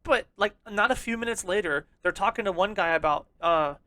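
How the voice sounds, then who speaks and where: An excitable podcast co-host rambles through a casual chat, swearing freely. The voice sits at a middle pitch and comes across close and dry, with no room sound around it. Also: a little fast, no echo.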